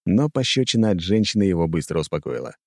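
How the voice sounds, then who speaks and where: Deep-voiced man narrating an audiobook. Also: big pitch swings, quick pace, a little mellow, no echo, studio quality.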